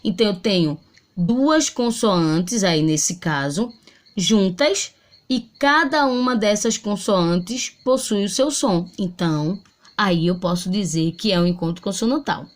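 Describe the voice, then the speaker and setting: A woman's voice: medium pitch, unhurried. A woman teacher giving a home video grammar lesson, explaining step by step and sounding out syllables.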